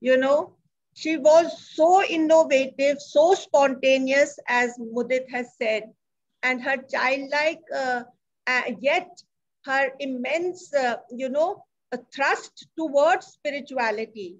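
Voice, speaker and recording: A woman's voice: sits high, slow, highs cut off. A woman giving a heartfelt tribute speech at a memorial gathering, reflective and full of "you know" fillers.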